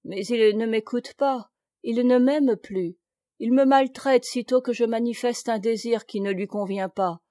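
A woman reads a meek, frightened noblewoman in a storybook, tearful, faltering and pleading. The voice is high and mellow, recorded close and dry. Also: unhurried, no echo, natural voice. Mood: despairing.

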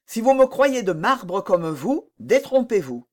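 Brief: woman narrator voicing a jealous, lovesick young king, lively pitch, slow pleading delivery, storybook reading. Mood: anguished. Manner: pleading, heated outbursts.

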